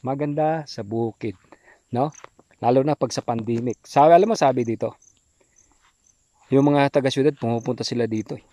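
A man's voice: mid-range voice, normal speed, pauses often, warm tone, dry recording. A man vlogging casually outdoors in the countryside, chatty, often tagging "no?" and "guys". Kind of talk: casual walking vlog.

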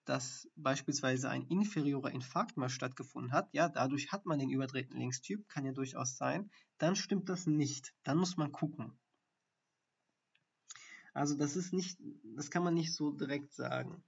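Gravelly man teaching ECGs live. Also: on the high side. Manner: explanatory, thinking aloud with fillers. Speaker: doctor teaching ECG reading. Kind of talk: live-streamed medical lesson. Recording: dull lo-fi stream audio.

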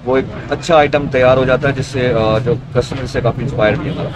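A restaurant owner speaking through a face mask in a casual interview, patiently listing items step by step with filler pauses. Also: male voice, mid-range voice, steady tone, background noise. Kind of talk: casual interview about his menu. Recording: music playing underneath.

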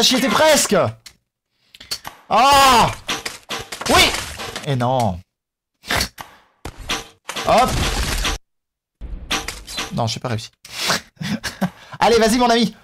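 A man hosting a gaming video, excitably commenting on his play, shouting at the game and joking with the characters on screen. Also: high-pitched, slow, long pauses, heavy background noise. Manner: jokey, talks to the characters on screen.

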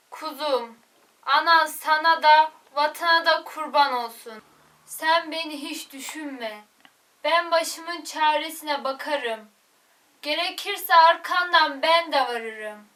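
Woman playing self-sacrificing village mom in a school drama, emotive, bright voice, far from the mic. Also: high-pitched, full character voice. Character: devoted self-sacrificing village mother of a soldier.

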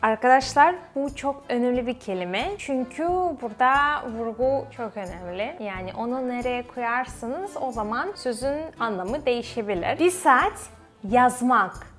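A young woman teaching vocabulary, drilling words in a clear, slowed-down way with light asides. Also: fairly high pitch, fairly bright tone, faint music behind. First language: Russian. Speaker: Russian language teacher. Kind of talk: vocabulary lesson with slow repeated examples.

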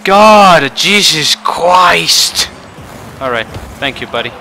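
A man giving frustrated gameplay commentary, swinging between muttering and shouting. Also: fairly high pitch, animated, slow, a little hiss or hum, rough recording. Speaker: gaming channel host.

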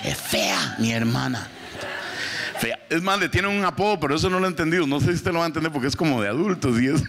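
Male stand-up comic, higher voice, very lively delivery, live club mic with faint noise. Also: quick pace. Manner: animated, swings pitch for punchlines, shouts when acting out characters. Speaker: stand-up comedian. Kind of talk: stand-up comedy routine. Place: comedy club stage.

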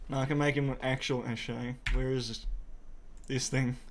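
An Australian man chatting casually as he plays, excitable and sweary, using eshay slang. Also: medium pitch, moderate pace. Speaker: player opening item cases. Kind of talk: casual gaming chat.

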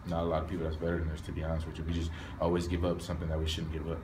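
Subdued young man, low and flat. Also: very fast, background noise. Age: young adult. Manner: low-key and candid, trailing off with ums. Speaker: college football player. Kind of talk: postgame press interview. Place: hallway of a stadium in front of a sponsor backdrop. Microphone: reporters' recorders held close.

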